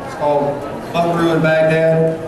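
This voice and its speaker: A folksy cowboy poet, a man with a slightly high voice, reads rhyming verse aloud. He sounds far off through a PA in a large, ringing hall. A crowd can be heard around him. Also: level tone, normal speed. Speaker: cowboy poet, military veteran. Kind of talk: live reading of rhyming cowboy poetry.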